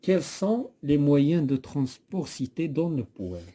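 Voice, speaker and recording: A male teacher with a Moroccan accent leads a classroom poetry lesson. He speaks slowly and patiently, repeating and correcting his pupil's answers. His voice is very dark and a little husky. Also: on the high side, big pitch swings.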